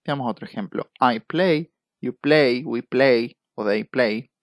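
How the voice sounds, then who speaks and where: A man with an Argentine Spanish accent teaching English grammar in a recorded lecture, going slowly and patiently through each verb form. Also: mid-range voice, no room sound, rough recording. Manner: slow, patient, repeats verb forms one by one. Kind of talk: recorded lecture over slides.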